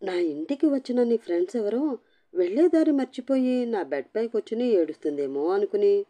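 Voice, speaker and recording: Woman playing a fed-up young husband, sarcastic, yells a lot, dark warm voice. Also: medium pitch, animated, brisk, voice pushed up, natural voice. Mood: exasperated. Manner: teasing, yelling.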